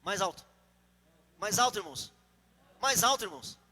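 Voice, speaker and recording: A male pastor preaching a lively sermon and questioning his congregation. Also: sits high, moderate pace, big-room sound.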